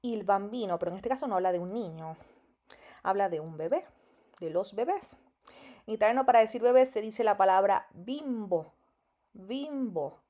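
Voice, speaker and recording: A woman teaching Italian grammar to beginners, patient and drawn-out, with many filler sounds. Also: mid-range voice, dark tone.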